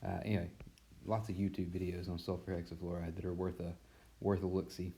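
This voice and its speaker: Low, mellow-voiced male teacher rambling. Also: brisk, slight background noise. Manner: relaxed, rambling, many fillers. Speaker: physics teacher. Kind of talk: casual recorded classroom mini-lesson. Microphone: tablet mic.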